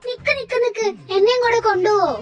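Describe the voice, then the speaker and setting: A cheeky young college girl, voiced by a woman, who talks in a very high, girlish voice. She pleads and chatters dramatically in a fan-made audio story. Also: fast talker, lo-fi sound, soft background music. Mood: pleading.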